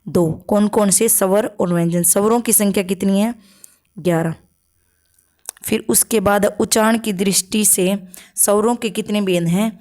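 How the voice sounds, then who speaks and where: A woman's voice: mid-range voice, steady tone, a little slow, darkish tone. Woman teacher quizzing her own class. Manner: asks questions and answers them herself; checks in with frequent "okay" tags. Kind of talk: exam-prep grammar lesson.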